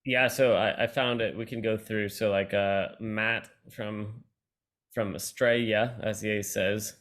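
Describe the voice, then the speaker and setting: A man's voice: on the low side, level tone, measured pace, fairly bright tone. A young man producing a conference, talking in a laid-back way with many fillers in a casual video chat. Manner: laid-back, lots of yeahs and ums.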